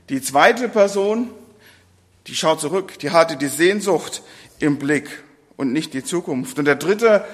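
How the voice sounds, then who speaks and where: A man's voice: fairly high pitch, a bit bright. A man giving a sermon with a Bible reading, who speaks earnestly and addresses the congregation directly. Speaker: preacher. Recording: long hall reverb.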